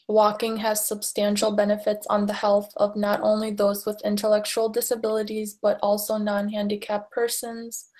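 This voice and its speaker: A woman in her thirties reading a class presentation slowly over a video call. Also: medium pitch. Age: 30s. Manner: slow, very flat reading. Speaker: student presenter.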